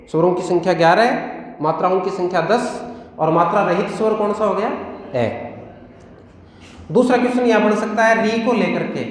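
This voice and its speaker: A man with a fairly high voice and a Rajasthani Hindi accent teaches exam-prep grammar. He asks the class questions, answers them himself, and drills key terms over and over. The sound is very echoey, with a long reverb tail from the room. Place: coaching classroom.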